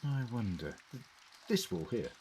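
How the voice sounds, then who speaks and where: In an audio drama, a man plays an eccentric, quick-thinking time-travelling Doctor who muses precisely and inquisitively as he investigates. His mid-range, mellow voice swoops wildly in pitch at a moderate pace. Slight background noise can be heard.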